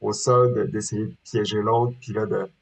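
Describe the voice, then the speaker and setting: With vocal fry and a fairly low pitch, this man keeps a level tone at normal speed over poor audio. A sport shooter in his thirties from Quebec, Canada, he has a Québécois French accent and talks informally as an interview guest, often hesitating with fillers and restarts.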